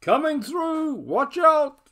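A man voicing a huge, bold male pig who talks in loud, booming shouts. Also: little pitch movement, unhurried, lightly acted. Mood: shouting.

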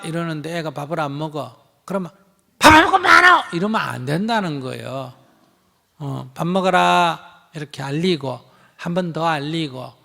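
A man's voice: on the high side, gravelly. A man with a Gyeongsang accent, a Buddhist monk answering questions in a live teaching, blunt and emphatic, acting out bits of dialogue. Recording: hall reverb.

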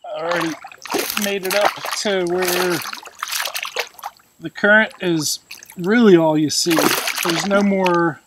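A man in his thirties talks slowly from a kayak and leaves long pauses while he thinks aloud. His delivery is unhurried. Outdoor river noise is clearly audible throughout. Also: high voice, steady tone. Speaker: kayak angler. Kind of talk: casual fishing vlog.

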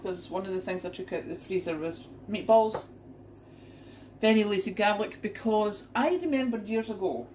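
This UK vlogger, a middle-aged woman, shows off her grocery haul in her kitchen, exclaiming at prices as she chats to a camera angled down at the counter. Her voice sits at medium pitch, with background noise present.

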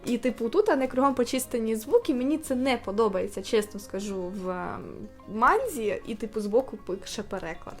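A woman's voice: on the high side, lively intonation, a little fast, soft background music. A woman in casual chat, talking informally with lots of fillers and slang. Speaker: booktube co-host.

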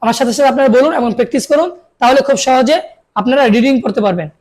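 A woman's voice: high voice, rapid-fire, darkish tone. A young adult woman teaching Quran reading, spelling out syllables and repeating each word several times for students to say after her. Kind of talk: call-and-repeat reading lesson.

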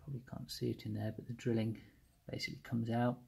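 Gravelly, husky man explaining engine work. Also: medium pitch, little pitch movement, fast, dark tone. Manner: plain step-by-step explaining with fillers. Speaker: engine rebuilder. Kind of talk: workshop how-to narration. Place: indoor workshop bench.

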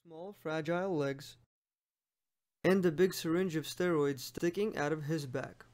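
A man's voice: a little high, unhurried, darkish tone. A young man, friendly and explanatory, narrating a drawing lesson for a medical exam as its host.

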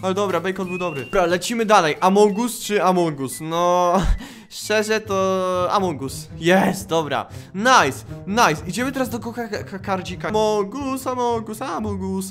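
A man giving excitable, playful gameplay commentary as a gaming YouTuber, often shouting out. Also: sits high, a little slow, faint music behind.

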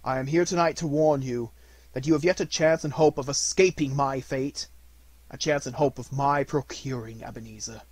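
A man's voice: mid-range voice, steady tone, husky, no room sound, lightly acted, poor audio. Man acting a solemn, anguished ghost, starkly dry. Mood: solemn warning. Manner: solemn, drawn-out lamenting, swinging from hushed to loud. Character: anguished ghost of a dead miserly businessman.

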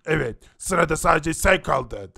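A man's voice: on the high side, lively intonation, a little slow, creaky, bright, forceful tone, heavily acted. A man voicing a bossy schoolteacher who scolds and quizzes his pupils. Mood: stern. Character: stern adult male schoolteacher.

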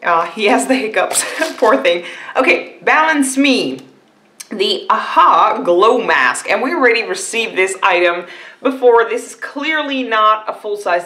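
Woman, beauty vlogger, casual unboxing chat, rambling, bright voice, echoey room. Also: a little high. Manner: chatty, rambling, with frequent fillers.

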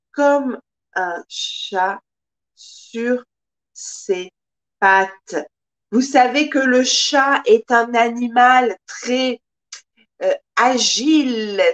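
This French teacher, a woman in her thirties, streams her lesson live from a small room through a desk webcam. Her high voice moves very slowly and carefully as she stretches out phrases for learners, using many hand gestures, and pollen allergies make her cough now and then.

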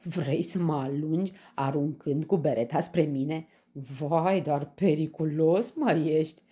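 A woman's voice: sing-song, dark tone, slightly rough, heavily acted. A woman voicing a boastful male lion in a storybook, who mocks and then yelps shrilly. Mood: mocking. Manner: gloating laughter turning to shrill yelps.

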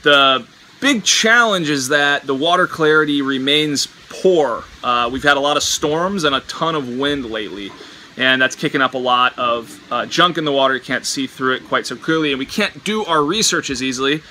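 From the outdoor porch of a tropical bungalow, a marine biologist in his thirties vlogs into a camera held at arm's length, wry and dryly funny. His mid-range voice is bright and forceful at a moderate pace, with slight background noise.

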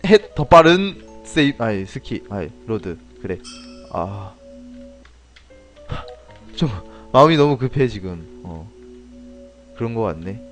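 A man playing an indie game on stream, commenting as he goes, yelping and shouting at tense moments and reading the story lines aloud. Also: lowish voice, takes it slowly, long pauses, soft background music. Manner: excitable, yelps and shouts during play. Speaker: gameplay streamer. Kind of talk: let's play commentary with read-aloud dialogue.

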